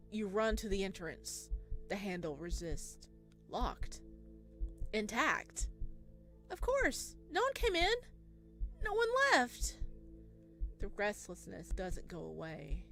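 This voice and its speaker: Over music, a gamer reads a visual novel aloud in a medium-pitched, slightly bright voice. She breaks up the narration with informal, giggly reactions.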